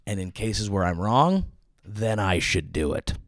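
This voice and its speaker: A man hosting his own show, delivering a profane, sarcastic comedic political monologue with sudden yelled outbursts. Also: on the low side, big pitch swings, unhurried, no echo, clean studio sound. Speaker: comedian host.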